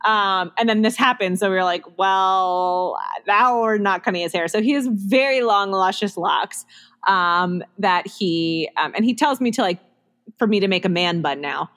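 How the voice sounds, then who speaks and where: A woman's voice: medium pitch, normal speed, a bit bright. A chatty woman in her thirties, talking casually on a podcast. She laughs a lot and fills her talk with likes and ums. Her voice sits in a middle range. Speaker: podcast co-host. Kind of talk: casual chat.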